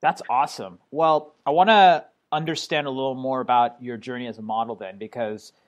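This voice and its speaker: A man's voice: medium pitch, fairly even intonation, fairly quick. A man hosting an interview podcast, upbeat and enthusiastic, talking loosely with fillers. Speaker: podcast host.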